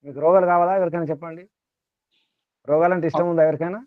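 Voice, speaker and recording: A man's voice: fairly high pitch, steady tone, fast, no room sound. Tinny-sounding man giving a spiritual talk. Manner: repetitive, rhetorical questioning. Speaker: spiritual teacher. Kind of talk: spiritual discourse to a small group. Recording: tinny phone-like dry sound.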